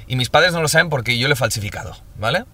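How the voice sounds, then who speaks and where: A man talks casually in a bright, sharp voice. He tells his story in short bursts and tags on filler checks as he goes. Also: medium pitch, lively intonation, fast talker. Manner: storytelling with many fillers like "¿vale?" and "¿sabes?". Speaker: podcast co-host. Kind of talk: casual chat.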